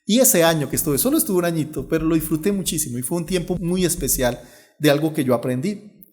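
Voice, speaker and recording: A middle-aged man, a pastor preaching a sermon and telling stories with lively acted-out dialogue. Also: a little high, quick pace. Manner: animated storyteller, acts out dialogue.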